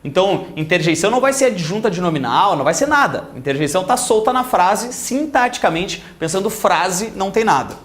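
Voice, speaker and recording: High-voiced Gaúcho man teaching grammar. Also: fairly quick, hardly any pauses, roomy sound. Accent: Gaúcho Portuguese. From Rio Grande do Sul, Brazil. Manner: animated, mimics voices, asks the class questions. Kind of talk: lively classroom lecture with anecdotes.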